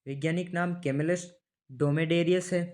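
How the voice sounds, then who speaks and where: A man's voice: fairly high pitch, steady tone, normal speed, a little mellow. A man teaching an online exam-prep lesson in a chatty way, asking his students rhetorical questions and repeating key dates and names so they stick. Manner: chatty, asks students rhetorical questions, calls them brother.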